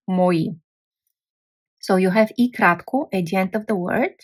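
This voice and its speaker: A woman's voice: medium pitch, darkish tone. A woman teaching a language lesson, sounding out letters and syllables one at a time. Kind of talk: slow, careful language lesson.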